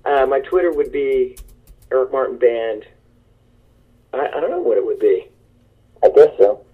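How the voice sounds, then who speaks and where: Guy on speakerphone, thin phone-line sound, rambling and excited, laughs at himself. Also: medium pitch, normal speed, husky, faint music behind. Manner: rambling, enthusiastic, self-deprecating. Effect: heard over a speakerphone line. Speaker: guest musician. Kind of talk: phone interview chat.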